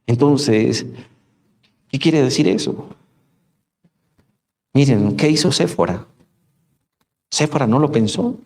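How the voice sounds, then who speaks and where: A man preaches a radio sermon, his voice sitting at an ordinary middle pitch. He keeps posing rhetorical questions and turning to his listeners as brothers. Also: animated, takes it slowly, long pauses, darkish tone. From Colombia. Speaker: pastor. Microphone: studio microphone for radio broadcast.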